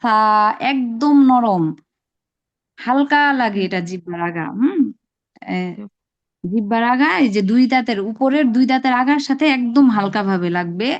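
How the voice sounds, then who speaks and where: A woman with a high voice leads an online lesson, explaining patiently step by step. She stretches each sound she demonstrates. The call audio is dull and lo-fi. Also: expressive, moderate pace, darkish tone. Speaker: Arabic pronunciation teacher. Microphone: video call.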